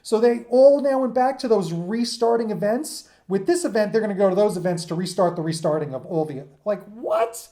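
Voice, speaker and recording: A man with a high, mellow voice gives an informal, unscripted comics history lesson as a teacher, talking fairly quickly with few pauses. He's conversational and emphatic, often checking in with listeners with "right?" and "okay?".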